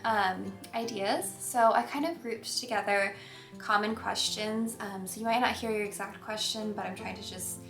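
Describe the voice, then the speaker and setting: A woman's voice: medium pitch, fairly even intonation, normal speed. A young woman vlogger chatting casually to camera, slightly out of breath, with many ums and light laughs. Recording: echoey room with faint music.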